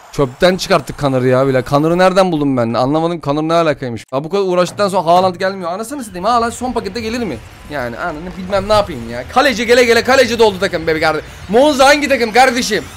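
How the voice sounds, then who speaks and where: A man opening card packs in a football game, talking loudly and excitedly, often chanting, complaining and swearing in frustration. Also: on the high side.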